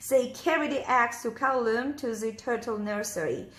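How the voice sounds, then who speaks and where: A woman's voice: fairly high pitch, moderate pace. A woman reading a storybook aloud to young children, talking to them directly in an exaggerated sing-song way. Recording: echoey room.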